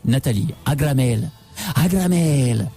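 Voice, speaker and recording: A man hosting a late-night call-in radio show, teasing callers in a fast, playful way. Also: mid-range voice, animated, gravelly, loud music behind the voice. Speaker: radio host.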